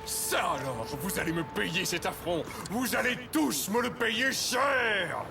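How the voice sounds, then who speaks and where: A man's voice: on the high side, normal speed, gravelly, music in the background. A man voicing a scheming, vain villainous pet fish in a cartoon, pompous, bossy and gloating with melodramatic flourishes. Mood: vengeful, grandiose. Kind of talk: animated cartoon acting.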